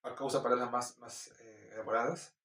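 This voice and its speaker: A man with a Peruvian Spanish accent, slowly reading Bible verses and commenting on them informally, with halting restarts. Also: medium pitch, fairly even intonation, fairly bright tone. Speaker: Bible teacher. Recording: roomy echo, distant mic.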